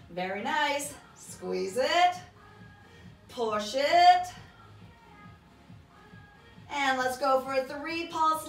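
An echoey room carries the bright voice of a woman leading an exercise class from a little way off the mic. She gives short, encouraging cues and counted repetitions, with music playing behind her. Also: sits high, distant mic. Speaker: fitness instructor. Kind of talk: workout coaching with counted cues. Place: small carpeted home exercise room, indoors. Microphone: camera across the room.

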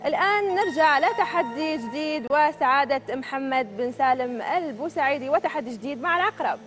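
A woman hosts a TV quiz in a studio, her voice pitched high. She fires off questions and answer choices at a quick clip, upbeat and crisp, with music playing behind her. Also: lively intonation. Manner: brisk, upbeat, reads questions and options crisply. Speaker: quiz show host. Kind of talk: TV game show hosting. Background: show music.

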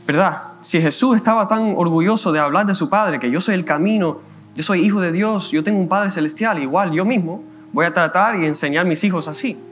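A man with a Cuban Spanish accent giving a conversational sermon as a minister, slowing down to read scripture aloud. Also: high-pitched, a bit bright, faint music behind. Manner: conversational preaching, slows down reading scripture. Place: church.

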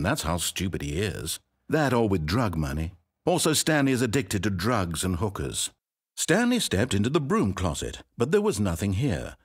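A man's voice: fairly low pitch, husky, no room sound, full character voice. A man voicing a sardonic, condescending narrator in a video game, with dry, mocking delivery.

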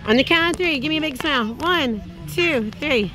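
A cheerful woman from Philadelphia filming a family vlog at an outdoor playground, excitedly coaxing her kids along. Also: sits high, moderate pace. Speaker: mother filming a family outing. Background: music playing.

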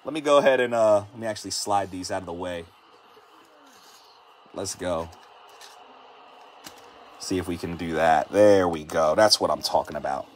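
A man's voice: sits low, slight background noise. A man hosting a live sports card break, hyped and chatty, calling out each card as he pulls it and hyping the viewers. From United States. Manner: hyped, repetitive catchphrases, rapid card call-outs.

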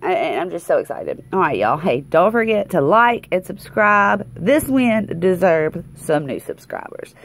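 A woman with a Southern US accent hosts a casual vlog in a lowish voice that swings dramatically up and down. She takes her time, sounding exuberant and folksy, and likes to repeat phrases for emphasis. There is a little room noise behind her. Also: sing-song, unhurried, few pauses. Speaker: lottery scratch-off video host. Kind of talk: casual excited vlog chat. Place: indoors at a tabletop, hands-only shot.

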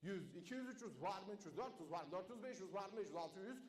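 Man, car auctioneer, high voice, rapid bid chant, drops low on the price, echoey room. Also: lively intonation. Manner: rattles off bids in a fast chant, drops low to call the price.

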